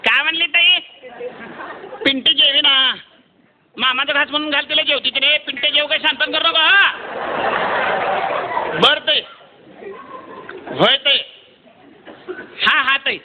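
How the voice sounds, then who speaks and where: A man voicing a loud young man from Solapur shouting on the phone to his sister, with a Solapuri Marathi accent and a ringing voice. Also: very high voice, measured pace, pauses often, dull audio, background noise, pitched above the performer's own voice. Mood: loud phone talk.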